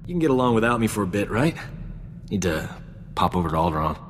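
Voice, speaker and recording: Husky and sing-song, a low-voiced male frontier doctor talks fast with a casual, scheming air. This smooth-talking video game companion delivers smug, flirtatious, self-assured banter amid long hall reverb and underlying game music.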